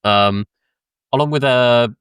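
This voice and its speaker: Slow and smooth, a young British man's mid-range voice sounds a bit bright as he co-hosts a casual podcast, wandering through an anecdote with swearing, laughter and many ums. A close podcast mic gives studio-quality, dry sound without echo.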